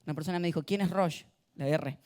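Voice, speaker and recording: A male pastor giving a sermon in a church, animated and having the congregation repeat words after him. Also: on the high side, fast talker. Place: church auditorium. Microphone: handheld or stage mic.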